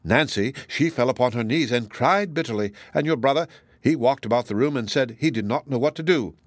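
In a dry recording, a man with a mid-range voice lightly acts the part of a chatty, good-hearted older matron in an audiobook. She gossips in a rambling, exclamatory, indignant way, sounding excited and full of pity.

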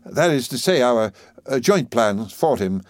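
A man voicing a kindly, cheerful elderly schoolmaster with a gentle, genial manner. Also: medium pitch, expressive, measured pace, no room sound, clean studio sound, pitched above the performer's own voice, lightly acted.

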